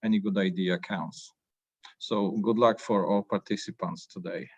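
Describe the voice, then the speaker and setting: A man from Poland introduces his fund in a measured, steady way, clearing his throat between phrases. His voice is on the low side and the recording is dry. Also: dry recording. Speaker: venture partner, judge.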